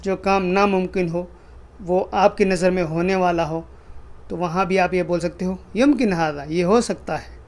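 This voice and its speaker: Brief: high-pitched male teacher, patient, repeats every phrase and then explains it. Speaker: Arabic language teacher. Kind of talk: spoken language lesson.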